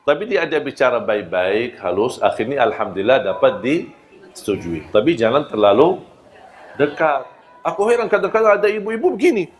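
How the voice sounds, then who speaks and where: A man giving a religious talk, telling personal stories in an animated way and often laughing. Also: medium pitch, normal speed. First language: Arabic. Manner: animated storyteller who acts out quoted voices, laughing often.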